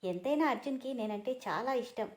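A woman's voice: a little high, fairly quick, lightly acted. A woman reading a story aloud, voicing a cheerful, self-satisfied young woman who speaks lightly and smiles. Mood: pleased. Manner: light, pleased.

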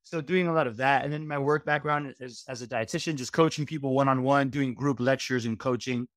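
A man's voice: medium pitch, fairly quick, no echo, clean studio sound. A middle-aged man from Miami, a registered dietitian, chatting as a guest over a video call on a headset, rambling through long lists with frequent fillers. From Miami, USA. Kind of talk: casual interview chat. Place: home room, video call.

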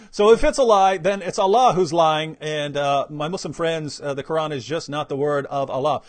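A man with a fairly high voice hosts a live online discussion. He talks in an animated, lively way, laughing and mimicking the people he argues against. The sound is dry and close, with little room around it. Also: normal speed, no room sound. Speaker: host.

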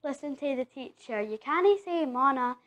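Woman, Scottish accent, high voice, recited poem, rhythmic lilting delivery, stressed rhymes. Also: expressive, moderate pace, fairly bright tone, muffled recording. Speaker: poetry reciter. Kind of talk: recited Scots poem with a chanted refrain. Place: music workshop venue, indoors.

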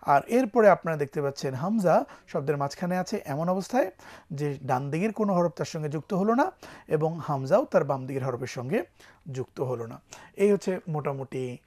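A woman teaching Quran reading on a TV program, sounding out Arabic letters loudly and asking viewers to repeat after her. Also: deep voice, lively intonation, a little fast. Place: TV studio.

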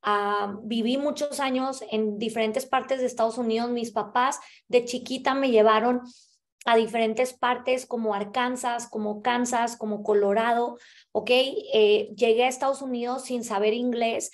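A young woman with a Mexican Spanish accent tells her personal story straight to a camera in a small indoor room. Her voice sits a little high, and she talks in an animated way. She keeps checking in with her listeners as she goes. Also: unhurried. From US-Mexico border (El Paso, Texas). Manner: animated, gesturing with both hands, many filler tags like "¿verdad?". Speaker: motivational speaker.

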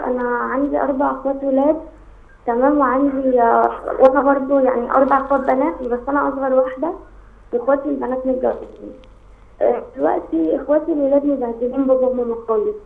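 A young Egyptian woman calling in by phone, talking in a rushed, upset and halting way. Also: fairly high pitch, vocal fry. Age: young adult. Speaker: caller. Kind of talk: phone call to a live show. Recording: tinny phone line.

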